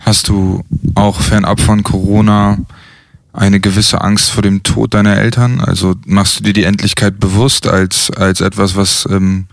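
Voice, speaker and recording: A male interviewer with a low, flat voice. He keeps his guest going with brief reactions and calm follow-up questions. The recording is dry and close. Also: unhurried, creaky, no echo. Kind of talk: casual interview.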